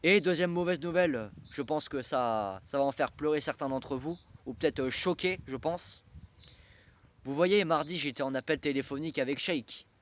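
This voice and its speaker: A man's voice: on the high side, moderate pace, a little hiss or hum. A young man talking to camera in a casual vlog, rambling with many fillers and restarts. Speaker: train-spotting vlogger.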